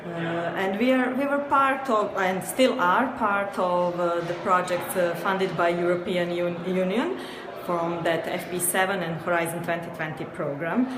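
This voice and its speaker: In an echoey, crowded event venue with lots of background noise, a Serbian-accented woman from Serbia, a company co-founder being interviewed as a guest, responds at a moderate pace in a fairly low voice. Her answers are hesitant, peppered with fillers and soft laughter.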